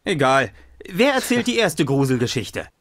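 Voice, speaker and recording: A man's voice: medium pitch, big pitch swings, normal speed, a bit bright, no room sound, studio quality. An actor playing a cocky, easily exasperated young man, the hero of an adventure game. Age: young adult.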